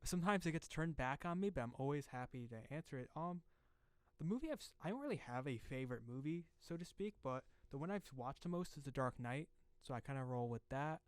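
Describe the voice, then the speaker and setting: Smooth-voiced polite young male host. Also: mid-range voice, lively intonation, dry recording. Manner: polite, measured and earnest. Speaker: podcast host. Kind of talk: casual interview.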